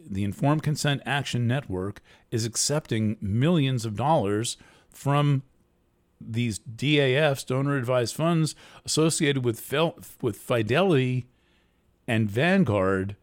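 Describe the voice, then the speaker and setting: A man hosting a show, talking through a monologue in a deliberately soft, earnest way. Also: medium pitch. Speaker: host. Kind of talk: monologue commentary.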